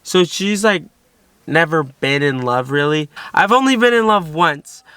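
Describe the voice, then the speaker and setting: A man's voice: on the high side, animated, unhurried, sharp tone, clear, resonant tone, no room sound. A young man chatting casually with his girlfriend in a couple's vlog, rambling with lots of "like". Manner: chatty, nervous-sounding recounting, frequent "like". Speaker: vlogger, boyfriend.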